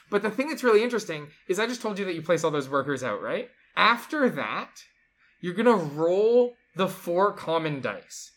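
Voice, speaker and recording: An enthusiastic co-host walks through a board game's rules in a casual, chatty way, sprinkling in plenty of "like"s. The voice sits at a middle pitch. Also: a bit bright. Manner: enthusiastic, chatty, lots of fillers like "like". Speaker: board game show co-host. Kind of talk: casual chat explaining game rules.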